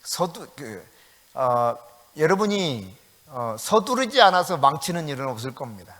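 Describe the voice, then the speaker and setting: A high, bright male voice swings widely in pitch as a middle-aged pastor from South Korea preaches at an evening prayer meeting, bursting into acted-out prayers and laughing often. His voice rings with the long reverb of a church sanctuary. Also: measured pace. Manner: animated preaching, acts out prayers and quoted speech with rising emphasis.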